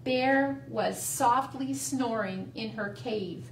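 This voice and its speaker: A woman librarian reading a storybook aloud to children, gentle and expressive, in a library. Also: on the high side, takes it slowly, slight background noise. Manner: sing-song, gentle, expressive. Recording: roomy, distant mic.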